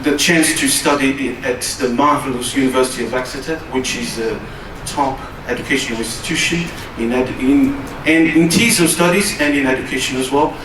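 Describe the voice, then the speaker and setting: A man who is a native Portuguese speaker gives a formal conference presentation, measured and pausing often with "uh". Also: mid-range voice. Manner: measured, with frequent hesitations. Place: conference hall. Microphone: distant from the recorder. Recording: roomy, distant hall recording with noise.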